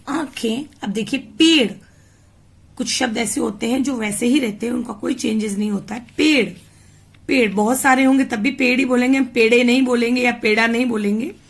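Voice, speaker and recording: A woman tutor from India going through a grammar worksheet, reading words out slowly one by one. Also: on the high side. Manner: slow, deliberate, spells words out one by one. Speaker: home tutor. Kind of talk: explaining a worksheet.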